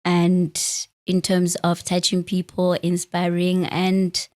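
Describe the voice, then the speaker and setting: Low-ish and darkish in tone, her voice stays completely flat and slow. She's a South African woman from the Free State in her late thirties, a podcast host chatting candidly in an interview, quick to laugh and to make fun of herself.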